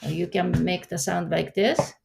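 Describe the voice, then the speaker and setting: A woman's voice: fairly low pitch, steady tone, a little slow, gravelly, loud music behind the voice. A woman teaching an online language lesson, explaining patiently and asking the listener questions.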